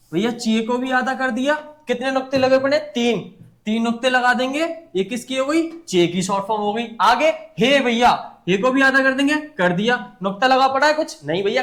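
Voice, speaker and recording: A man's voice: very high-pitched, a bit bright. A young man teaching a writing lesson at a board, patiently asking and answering his own questions. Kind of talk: whiteboard lesson.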